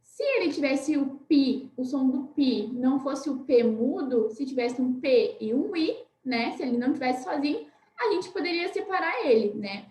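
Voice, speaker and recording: A Brazilian primary school teacher with a high, light, expressive voice leads a recorded online class for children, slowing down to spell out every word. She speaks Brazilian Portuguese, patiently checks in with a gentle "né?", and the room echoes noticeably.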